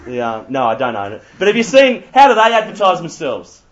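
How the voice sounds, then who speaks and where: A man's voice: on the high side, wildly swooping pitch, a little fast, a bit bright. A young Australian man giving an interactive church talk, quizzing the audience with playful asides. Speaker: youth speaker. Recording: slightly muffled lo-fi recording.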